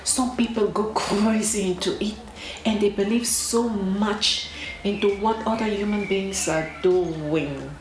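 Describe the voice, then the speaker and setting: A young woman from Cameroon, talking casually to camera as a vlogger, slow and deliberate with pauses and emphatic repetitions. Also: mid-range voice. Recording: echoey room with clear background noise.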